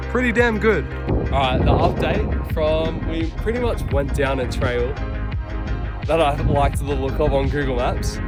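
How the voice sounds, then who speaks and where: An Australian man chatting casually to camera outdoors on a camping trip, easygoing and rambling with loose, trailing sentences. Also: medium pitch. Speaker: vlogger on a four-wheel-drive camping trip. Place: outdoors in the bush.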